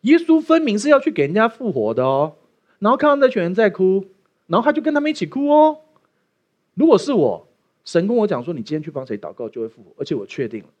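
A man's voice: sits high, huge pitch swings, fast talker, a little mellow, muffled recording. A man preaching a sermon as pastor, opening with a prayer and joking with the congregation. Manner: playful, jokey preaching with acted asides.

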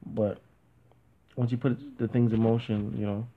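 A man's voice: medium pitch, level tone, measured pace. A man co-hosting a casual talk show, rambling and argumentative, with lots of "you know what I mean" asides. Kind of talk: casual conversation. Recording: tinny phone-like audio.

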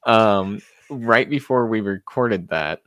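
A man's voice: fairly low pitch, animated, takes it slowly, a bit bright, no room sound, clean studio sound. A young man co-hosting a podcast in casual chat, rambling and self-deprecating with many restarts. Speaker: podcast co-host.

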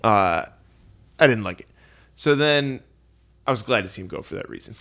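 A man's voice: on the low side, lively intonation, normal speed, a bit bright. A man co-hosting a podcast in casual chat, rambling as he retells scenes with fillers. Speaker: podcast co-host.

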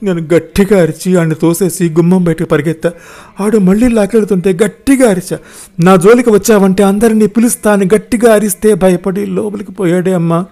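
A man's voice: sits high, fairly even intonation, brisk, warm tone, voice pushed up. A man voicing a frightened teenage girl confiding in her mother. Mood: distressed.

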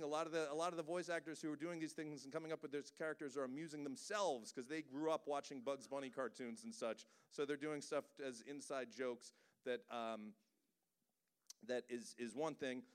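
A man with a smooth, resonant voice at a middling pitch, talking about cartoon villains at a live cinema event. He is chatty and enthusiastic and slips jokes in as he goes. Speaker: voice director giving a presentation. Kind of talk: live pop-culture talk.

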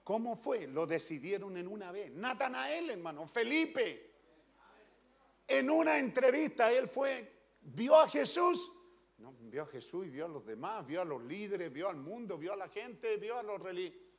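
High-voiced preacher, swinging loud and soft. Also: male voice, big pitch swings, normal speed. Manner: emphatic, questioning the congregation, swinging loud and soft. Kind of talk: sermon.

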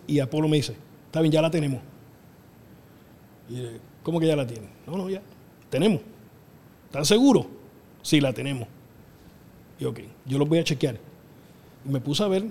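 A middle-aged man with a Puerto Rican accent, telling lively stories as a wrestling booker in an interview, acting out voices and laughing often. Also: on the high side. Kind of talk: animated storytelling interview. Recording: long reverb in the room.

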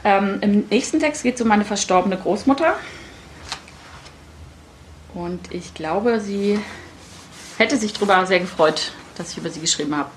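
A middle-aged woman author reading her own prose to a live audience. Her delivery is wry and deadpan, with a self-mocking edge in an even, middle voice. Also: mid-range voice, a little slow, pauses often, slight background noise.

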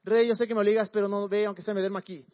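Guy doing a stubborn loyal soldier, earnest, kinda high voice. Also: little pitch movement, very fast, highs cut off, close to an everyday voice.

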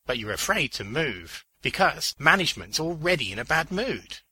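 A man voicing a sardonic, resourceful male clown with a dry, deadpan delivery. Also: on the high side, normal speed, husky, no room sound, voice pushed up, full character voice. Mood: wry.

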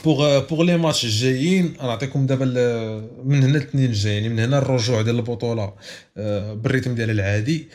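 Fast-talking man with a Moroccan accent. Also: medium pitch, steady tone, darkish tone. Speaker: football podcast host. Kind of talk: casual sports podcast chat mixing in French.

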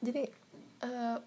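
A woman's voice: a little high, a little hiss or hum. A young woman talking to herself in a casual, reflective way, often sliding into a whisper and repeating her questions. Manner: soft-spoken, drifting into whispers, filler-heavy and self-questioning.

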